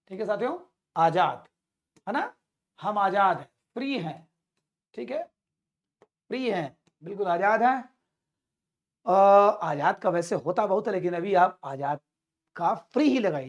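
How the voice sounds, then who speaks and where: A woman teaching English vocabulary in a spoken lesson. She repeats each word several times and keeps addressing her listeners as companions. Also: medium pitch.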